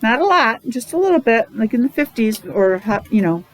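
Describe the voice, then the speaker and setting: This middle-aged teacher, running a preschool or special education morning meeting, sounds very animated, a bit fast and fairly high-pitched as she repeats simple phrases, asks questions and sounds out letters. The recording quality is poor.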